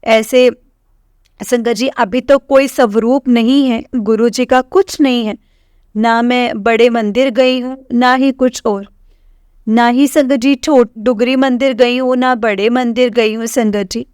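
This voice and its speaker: A woman's voice: on the high side, fairly even intonation, takes it slowly, a little mellow, no echo, studio quality. A woman from Punjab with a Punjabi accent, earnestly and emotionally sharing her devotional testimony with the congregation, repeating her phrases. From Punjab, India.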